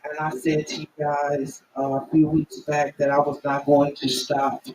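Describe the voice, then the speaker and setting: A middle-aged or older woman, hosting a live stream in an earnest, halting, emphatic way. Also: deep voice, completely flat delivery, darkish tone. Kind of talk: informal spoken commentary to viewers. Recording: roomy, distant mic, faint noise.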